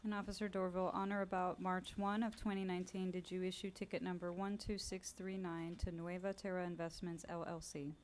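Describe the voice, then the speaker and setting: A woman reads case numbers and questions a witness for the city in a courtroom recording. Her voice sits a little low and stays very flat, and her delivery is plainly procedural. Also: a little fast, few pauses, a little hiss or hum. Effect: courtroom hearing recording. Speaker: city prosecutor. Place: hearing room.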